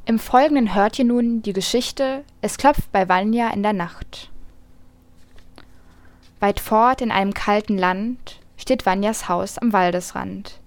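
A woman reading a rhymed children's story aloud, lively, lifting her voice for the animals' lines. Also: medium pitch, a little slow, dry recording.

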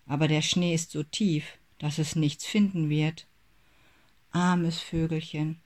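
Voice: mid-range voice, flat delivery, takes it slowly, a little mellow, natural voice. A narrator voicing a kind, eager young rabbit boy in a storybook reading.

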